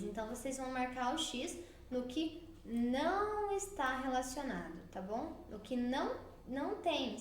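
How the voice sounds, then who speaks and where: A woman from Brazil teaching a recorded remote class for young children, explaining worksheet tasks slowly and patiently, step by step. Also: high voice, roomy sound, a little hiss or hum.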